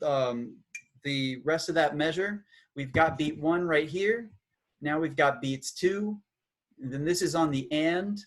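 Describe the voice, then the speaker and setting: Man, music teacher, slightly raised pitch, casual lesson, a bit awkward. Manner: relaxed, a bit awkward, counts beats aloud.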